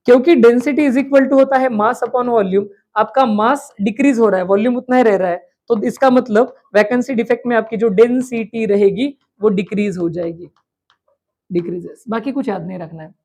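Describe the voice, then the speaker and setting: A woman teacher giving an exam revision lecture. She asks questions aloud and answers them herself, and she slowly repeats key terms. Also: fairly high pitch, a little mellow. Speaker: chemistry teacher.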